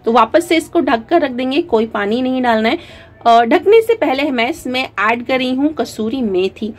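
A woman hosting a channel, narrating a recipe in a calm, step-by-step way frequent fillers and mixed in. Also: high-pitched, moderate pace. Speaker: cooking channel host.

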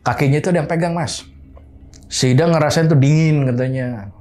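A man's voice: on the high side, a little fast. A man, casually recounting a horror story from his boarding house and acting out what people said. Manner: animated retelling, acting out quoted dialogue.

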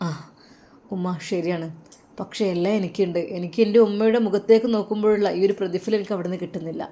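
A woman voicing a troubled young male religious scholar who deeply loves his mother, speaking softly and sorrowfully. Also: fairly even intonation, fast, lightly acted. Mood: tender. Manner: soft, sorrowful, heartfelt.

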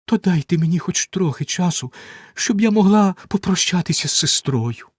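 Frightened young wife begging, high pleading voice, a man putting it on, dry close sound. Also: lively intonation, normal speed, slightly rough, dry recording. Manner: raised, pleading, tearful tone.

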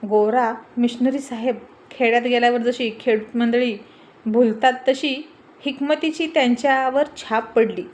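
A woman storyteller narrating a folk-style story with a steady, expressive reading. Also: on the high side, unhurried.

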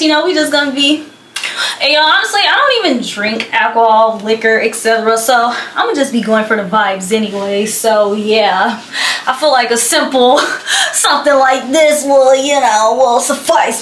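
A woman's voice: high-pitched, a bit bright, reverberant, slight background noise, poor audio. A young woman vlogging casually to camera, rambling and chatty with plenty of fillers. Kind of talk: casual vlog chat to camera.

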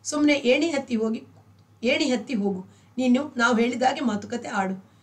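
A woman's voice: fairly high pitch, moderate pace, close to an everyday voice. A woman reading a novel aloud, voicing an insistent elderly mother-in-law who coaxes her family. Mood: coaxing.

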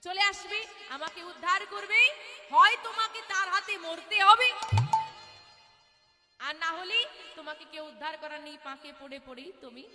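Give me a defiant, calm-talking cow voiced by a woman, high-pitched, in a reverberant hall. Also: a little slow, long pauses, faint music behind, full character voice.

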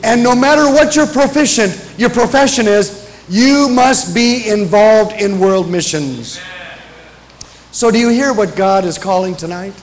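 A middle-aged man preaches from the pulpit of a large church. His voice sits high for a man, and he repeats his main points with emphasis, slowing down when he reads scripture. He speaks into a pulpit microphone. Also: rough recording. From grew up in Africa. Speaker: pastor, guest missionary preacher. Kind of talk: sermon.

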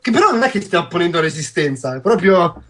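A young man with a high, husky voice runs a tabletop game online. He moves between narrating scenes and calling for rolls as game master. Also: sing-song, fast, bright, forceful tone. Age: young adult. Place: at home on a group video call.

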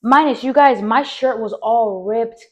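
A young adult woman hosting a podcast, telling a personal story in a rambling, animated way with lots of fillers and direct asides to her listeners. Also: on the high side, measured pace, muffled recording. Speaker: podcast host.

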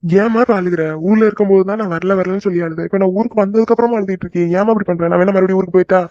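A voice actor playing a gentle young son back home in a cartoon, reassuring his mother and sister. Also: mid-range voice, fairly even intonation, racing, dry recording, dull audio, natural voice. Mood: soothing. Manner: soothing, reassuring. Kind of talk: cartoon voice acting.

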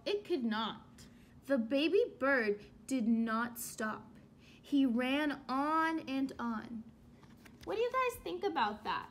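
A young elementary school teacher reads aloud to young children from a small room at home, her high-pitched voice a bit bright over a slight hiss or hum. She's a young adult, and as she asks the children questions she emphasizes and elongates key words.

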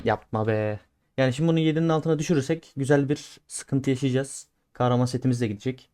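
A man streaming a game and talking his viewers through each try in a casual, chatty way. He grumbles when things go wrong and cheers loudly when they go right. His voice sits in an ordinary middle pitch. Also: fairly even intonation, fast. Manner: chatty, talks to viewers as he plays; swings between grumbling and loud cheering. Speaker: gaming streamer. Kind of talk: casual gameplay commentary.

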